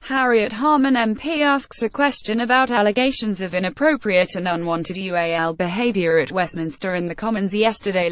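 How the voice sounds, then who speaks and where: Woman, mid-pitched, steady reader for a news sketch, very dry sound. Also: dry recording. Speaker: article reader. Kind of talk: read-aloud news column.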